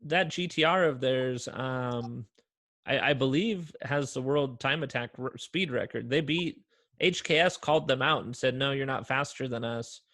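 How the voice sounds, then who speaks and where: A man's voice: mid-range voice, moderate pace, fairly bright tone, dry recording. A man from Portland, Oregon, hosting a casual interview and chatting loosely with fillers and restarts. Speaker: podcast host.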